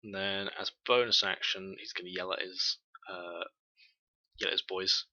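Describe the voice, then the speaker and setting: A man runs a tabletop game, talking through rolls and damage with many pauses and fillers. His voice sits low but sounds very bright and crisp. It is recorded dry and close. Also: little pitch movement, no echo, muffled recording. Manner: hesitant, full of fillers. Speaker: game master.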